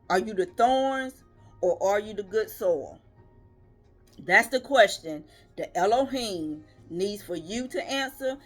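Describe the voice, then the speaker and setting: A woman preaching in a devotional sermon, voice at an ordinary middle pitch. She speaks earnestly and emphatically, stacking repeated questions and rhythmic lists. Faint music plays softly behind her. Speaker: lay preacher.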